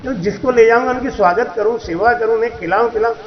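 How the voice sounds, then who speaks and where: A man's voice: very high voice, fast. A man, a spiritual teacher, giving a storytelling sermon, acting out dialogue and chanting verses. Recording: echoey, dull lo-fi hall recording.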